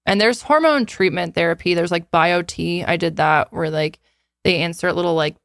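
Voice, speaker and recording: A woman's voice: lowish voice, moderate pace, a bit bright, no room sound, clean studio sound. A woman in her twenties co-hosting a podcast, chatting casually and filling her talk with "like". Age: 20s. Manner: chatty, fills with "like" often. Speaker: podcast co-host.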